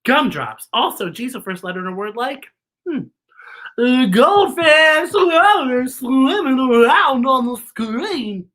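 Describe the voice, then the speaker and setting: Teaching letters on a playful children's show, a woman sings and giggles her way through story time with theatrical flair. She speaks slowly in a high, animated, slightly bright voice.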